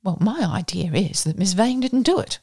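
An Australian woman voicing a flippant upper-class English gentleman detective, talking in a breezy, rapid, self-mocking way. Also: medium pitch, very animated, no echo, clean studio sound. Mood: airy.

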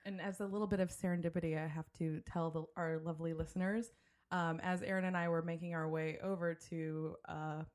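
A woman with a fairly low voice hosts a relaxed podcast chat. She rambles through her stories, restarting sentences and filling pauses as she goes. The talk is loose and conversational. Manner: rambling, chatty, many fillers and restarts. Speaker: podcast host. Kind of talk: casual chat. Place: home studio, drinking with a guest.

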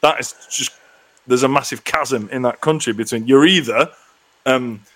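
A man's voice: medium pitch, moderate pace, a bit bright. A middle-aged man co-hosting a podcast in casual chat, sweary and self-deprecating. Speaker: podcast co-host.

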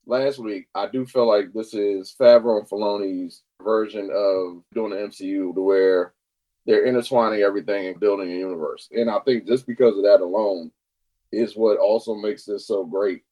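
Excited man chatting casually. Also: lowish voice, moderate pace, rough recording. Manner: excited, animated, swears casually. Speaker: podcast co-host. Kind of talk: casual chat.

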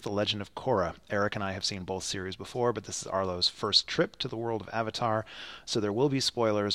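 A man's voice: lowish voice, a bit bright, no echo. Chatty male podcast host, dry sound. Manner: rambling, many fillers and restarts. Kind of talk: casual podcast chat.

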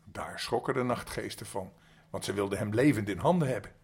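Husky grandfather reading bedtime stories. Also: fairly low pitch, fairly quick, darkish tone. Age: older. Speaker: grandfather storyteller.

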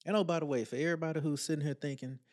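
A man's voice: fairly high pitch, steady tone, very fast, darkish tone. A man co-hosting a casual advice podcast, joking in a teasing, playfully petty way. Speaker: podcast co-host giving advice. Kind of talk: casual chat.

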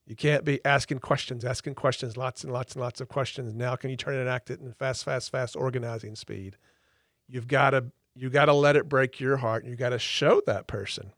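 A man's voice: medium pitch, steady tone, a little fast, a bit bright, no room sound, clean studio sound. A man co-hosting a podcast as a therapist trainer, explaining his method emphatically and repeating words for stress. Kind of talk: teaching explanation.

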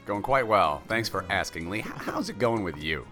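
A man with a dark, gritty, gravelly voice, bantering casually and teasingly as a comedy podcast co-host. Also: on the low side, expressive, normal speed, soft background music. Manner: teasing, wisecracking.

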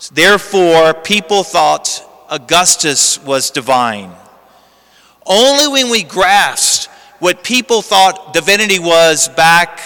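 A male priest reads the gospel and preaches in a slow, emphatic manner. His high, smooth voice rings out through a long cathedral reverb, as if filling a large church. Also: sharp tone. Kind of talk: gospel reading and homily.

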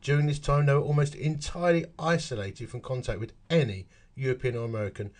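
A man's voice: mid-range voice, steady tone, fast, a little mellow. A man with an Essex accent reading a history article aloud, stopping for chatty asides and working out dates and numbers as he goes. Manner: chatty, works figures out aloud.

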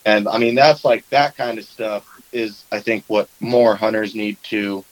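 A man's voice: on the low side, measured pace, no echo, rough recording. A man chatting casually about duck hunting, telling stories and acting out the quotes. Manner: animated storyteller, acts out quotes.

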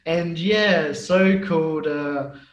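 A man's voice: fairly high pitch, extremely slow, roomy sound, highs cut off. A man hosting a casual podcast interview, enthusiastic and affirming in a chatty way. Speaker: podcast host.

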